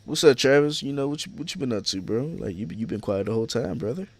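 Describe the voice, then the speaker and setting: A man's voice: medium pitch, expressive, fast, dry recording. A young man hosting a podcast, chatting casually with friends on a voice chat, slangy, laughing and swearing freely. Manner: laid-back, slangy, swears a lot, laughs often. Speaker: podcast host.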